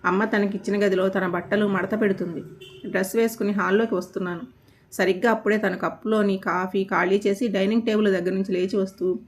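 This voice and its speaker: A woman narrating a love story in the first person with an even, descriptive reading. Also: medium pitch.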